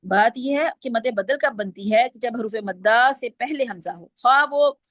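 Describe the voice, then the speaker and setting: A woman's voice: a little high, normal speed, a bit bright, no room sound. A woman teaching Quranic recitation rules, explaining step by step and quizzing her students. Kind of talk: online class lesson.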